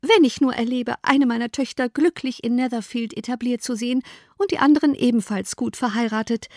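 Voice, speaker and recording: A woman reading an audiobook, voicing an excitable, easily upset middle-aged mother with shrill, high-strung outbursts. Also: brisk, dry recording, studio quality, natural voice. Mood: hopeful. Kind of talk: audiobook character voice.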